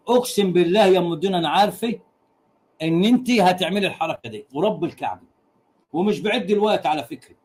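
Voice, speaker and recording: Rowdy high-voiced Egyptian man teasing. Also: a little mellow, a little hiss or hum. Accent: Egyptian Arabic. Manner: rowdy, teasing, repeats his punchlines; laughs often while talking. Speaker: livestream host. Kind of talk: casual crude joking livestream chat.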